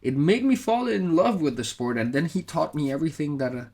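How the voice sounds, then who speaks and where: A man's voice: on the high side, lively intonation, brisk, dark tone. A man from Colombia, a motorsport content creator, talking casually in an interview, thoughtful and full of fillers and restarts. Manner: reflective, with many fillers and restarts.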